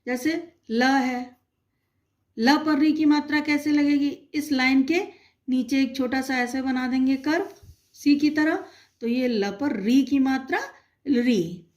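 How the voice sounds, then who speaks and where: A woman teacher slowly and patiently explaining a Hindi phonics lesson to young children, asking them questions as she goes. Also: high-pitched, darkish tone. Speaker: primary school teacher.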